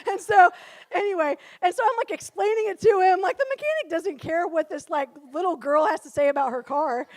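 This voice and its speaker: Very high-voiced young woman telling a funny story. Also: brisk, darkish tone. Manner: chatty, full of "like", laughs often while telling. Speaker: retreat speaker. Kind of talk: humorous personal storytelling.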